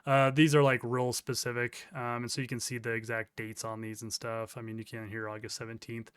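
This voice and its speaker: A man's voice: medium pitch, level tone, a little fast, fairly bright tone, clear, resonant tone, no room sound, clean studio sound. A man giving casual commentary while reading court documents aloud, with sarcastic, incredulous asides. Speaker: crypto news commentator.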